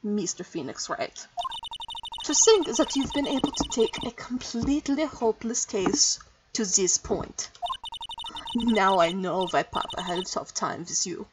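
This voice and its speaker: A woman's voice: mid-range voice, lively intonation, unhurried, far from the mic, background noise, natural voice. A woman voicing a haughty, scornful young female prosecutor with a put-on German accent. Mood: mocking. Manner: cold, scornful, commanding.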